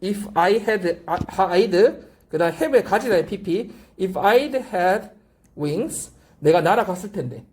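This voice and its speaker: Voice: mid-range voice, lively intonation, slow, a little mellow, slight background noise. An English teacher giving a classroom grammar lecture, drilling pronunciation by repeating phrases and constantly asking the class check-questions. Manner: asks frequent rhetorical check-questions. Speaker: English teacher at a language academy.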